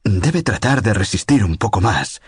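Storybook role: a worn-out, short-tempered official, clipped and controlled, a husky dry voice, read by a man. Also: on the low side, big pitch swings, a little slow, no room sound, voice pushed up, heavily acted. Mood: tense, controlled. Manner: terse, impatient. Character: weary, irritable older male official.

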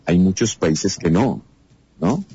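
A man with a Mexican accent, a voice actor appearing as a guest on a casual podcast, tells stories animatedly and acts out the dialogue he quotes. His voice is low, slow and a little breathy, and the audio sounds dull.

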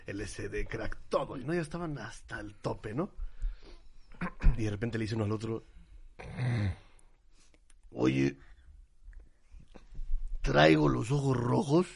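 A man's voice: on the low side, normal speed, darkish tone, slightly rough. A Mexican man telling jokes among friends in a chatty storytelling manner. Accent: Mexican Spanish. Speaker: joke teller.

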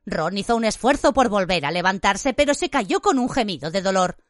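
A woman narrating an audiobook with an expressive storytelling delivery, recorded in a dry studio. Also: medium pitch, fairly quick, no room sound. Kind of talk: scripted narration. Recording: dry studio read with faint music.

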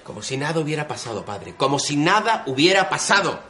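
An actor playing a sleep-deprived police sergeant who talks crudely and with exasperation. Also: male voice, fairly high pitch, sing-song, brisk, pushed and bright, slight background noise. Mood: weary.

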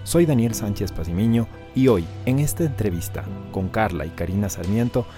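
A man giving a scripted, measured introduction to his own show. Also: on the low side, expressive. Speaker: show host. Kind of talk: scripted narration. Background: music.

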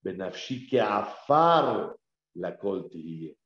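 A man giving a religious class, emphatic, repeating key phrases and asking his listeners questions, swinging from loud exclamations to low murmurs. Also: big pitch swings, takes it slowly, noisy background. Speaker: religious teacher. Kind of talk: Torah class in Spanish. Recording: echoey room, slightly dull lo-fi sound.

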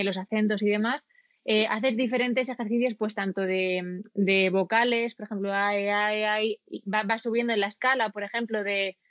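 In a conversational interview, a voice-acting student speaks thoughtfully but hesitantly, with many fillers. Her medium-pitched voice is recorded dry and muffled, with no echo.

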